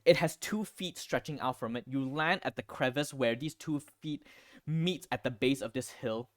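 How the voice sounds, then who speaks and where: A man's voice: medium pitch, moderate pace, no room sound, clean studio sound. Man narrating a tabletop game as game master. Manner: descriptive second-person storytelling.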